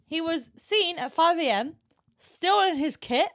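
A woman's voice: very high voice, animated, measured pace, fairly bright tone, no echo, clean studio sound. A British woman co-hosting a podcast, chatting playfully and laughing often. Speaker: podcast co-host. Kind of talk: casual chat.

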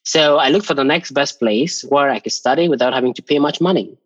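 A relaxed man from Cameroon speaks as a podcast guest, thoughtful and unhurried. His voice comes through dry and somewhat muffled, at a mid pitch. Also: no room sound. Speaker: guest, foundation founder. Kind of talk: conversational interview. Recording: dull dry sound.

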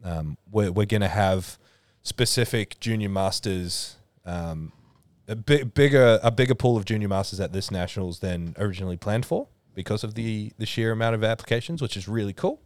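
Speaking at a normal rate with hardly any pauses, a man with a lowish voice chats casually on his podcast. He's relaxed, explains things at length, and leans on fillers a lot; he's the host and a powerlifting organiser. There's no echo.

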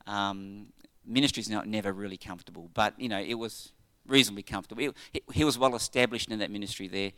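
Australian man, low voice, church leader, informal address, halting and conversational, checks in with listeners. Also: a bit bright, clear, resonant tone. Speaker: church leader giving a farewell tribute.

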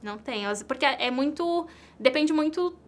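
A woman's voice: high voice, lively intonation, normal speed, a little hiss or hum. A woman from Brazil, an entrepreneur and content creator answering interview questions in an earnest way, repeating key phrases for emphasis.

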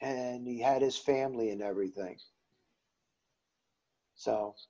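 A man's voice: medium pitch, measured pace, warm tone, highs cut off. An older man with a New Jersey accent, a veteran guest talking casually on a call, rambling with many fillers. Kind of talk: casual video-call interview.

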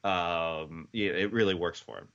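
A man on a sports podcast panel speaks in a slightly low voice. The audio is a little dull and lo-fi. His delivery is casual and conversational. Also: unhurried, fairly bright tone.

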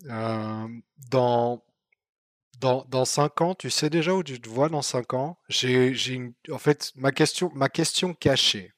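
A man interviewing a guest, talking at a mid pitch. He stumbles and restarts as he builds long questions. The sound is dry and close. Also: slow, dry recording. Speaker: interviewer, podcast host. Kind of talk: casual interview chat.

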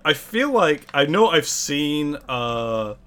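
A man co-hosting a casual podcast, speaking hesitantly and often pausing to find his words. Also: fairly high pitch, big pitch swings, sharp tone, smooth. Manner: hesitant, lots of fillers and restarts. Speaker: podcast co-host.

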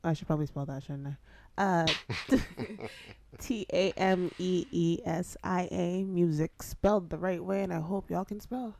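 A woman's voice: lowish voice, fairly even intonation, unhurried, vocal fry, mellow, a little hiss or hum. A woman guest on a podcast, chatting casually and playfully. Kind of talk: casual chat.

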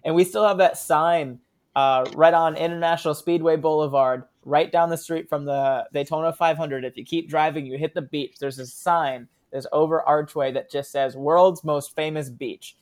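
A man's voice: a little high, normal speed. Guy comedian chatting on an interview, laughs a lot, loose rambling stories. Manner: laughs often, relaxed storytelling with fillers. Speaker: guest, sketch comedian. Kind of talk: casual interview chat.

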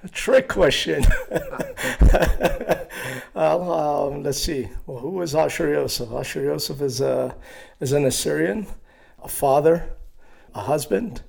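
A man in his sixties from Iraq, telling his life story in an interview with a hesitant, halting manner and many fillers. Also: fairly high pitch, vocal fry, slightly rough. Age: 60s. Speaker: guest.

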